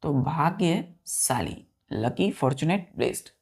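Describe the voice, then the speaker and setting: Gravelly-voiced male teacher spelling words. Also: on the high side, very animated. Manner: spells words letter by letter and counts aloud, often addressing the students; repeats key words slowly with drawn-out pronunciation. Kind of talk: vocabulary lesson.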